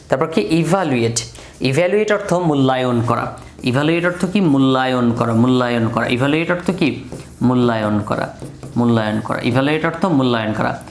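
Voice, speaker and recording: A man's voice: medium pitch, fairly quick. A male English teacher running a classroom vocabulary drill. He repeats each word meaning several times and has the class answer back. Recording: echoey room with faint background noise.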